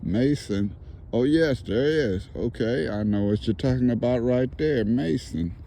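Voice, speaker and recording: A man's voice: medium pitch, unhurried, gravelly, dark tone, slight background noise. A man speaking casually as a paranormal investigator, putting questions to spirits and commenting to the camera outdoors. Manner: repeats the answers back as questions. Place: outdoors near woods.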